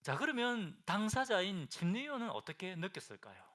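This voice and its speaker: A high, bright-toned man preaches in a church with lively, rising and falling inflection. He keeps asking his congregation questions and swings between loud bursts and soft, hushed lines. The sound is of a pastor mid-sermon. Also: brisk. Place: church sanctuary.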